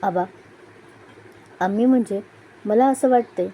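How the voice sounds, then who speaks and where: A respectful young wife speaks carefully to the family elder, as a woman storyteller reads her. Her voice is dark and mellow. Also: mid-range voice, unhurried, slight background noise, natural voice. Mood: hesitant.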